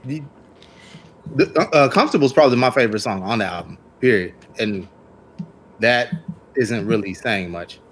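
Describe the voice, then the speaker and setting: A man's voice: on the low side, expressive, normal speed, long pauses, fairly bright tone, slightly rough. A man co-hosting a casual podcast chat, reflecting hesitantly and thinking aloud as he speaks. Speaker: podcast co-host.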